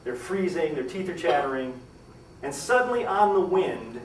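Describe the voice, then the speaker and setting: A man's voice: big pitch swings, normal speed, recorded from a distance, slight background noise. Man, live historical storytelling, dramatic delivery, echoey room, faint background ambience. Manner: dramatic, acts out quoted lines with rising pitch and volume. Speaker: historical storyteller giving a talk.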